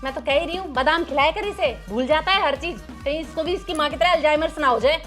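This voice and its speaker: An actress playing a sharp-tongued, nagging mother-in-law in a comedy sketch, scolding and taunting her son-in-law. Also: high-pitched, quick pace, soft background music.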